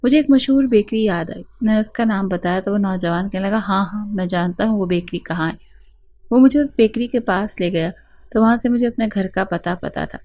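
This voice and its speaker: A woman's voice: medium pitch, mellow, no echo. A woman narrating a first-person audiobook in an earnest, plaintive storytelling manner.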